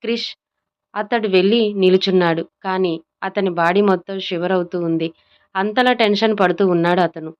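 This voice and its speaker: ఒక మహిళ తెలుగు ఆడియో కథను అన్ని పాత్రలను చేసుకుంటూ చదువుతోంది. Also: female voice, mid-range voice, brisk, dull audio. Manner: smooth even storytelling, acting out all characters. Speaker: storyteller. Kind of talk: scripted audio story narration.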